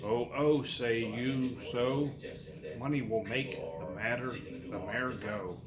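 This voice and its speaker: A man reads nursery rhymes aloud to his child in an unhurried, sing-song way, pausing and repeating lines. His voice is medium-pitched, the room is echoey, and crowd noise can be heard.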